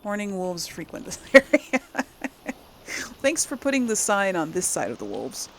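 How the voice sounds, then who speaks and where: A woman hosting a casual gaming let's-play chats and reasons aloud while playing through a game on her channel. Her medium-pitched voice is gravelly and swings widely in pitch at a moderate pace, with a little hiss or hum in the background.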